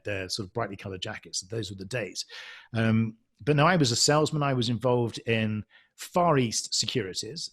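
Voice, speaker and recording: A man's voice: fairly low pitch, breathy edge. A man from England, a podcast guest reflecting on his career in a hesitant, self-deprecating way, full of ums and restarts. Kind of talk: casual conversational interview.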